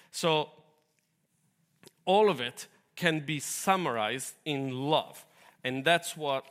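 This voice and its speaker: A man's voice: on the high side, fairly bright tone. Italian-accented man preaching a sermon. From Italy.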